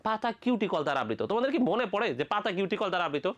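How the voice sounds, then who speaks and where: A teacher from Bangladesh giving a lively medical admission biology lecture, repeating each question, answering it, and checking in with the students again and again. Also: mid-range voice, rapid-fire. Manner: colloquial, playful asides.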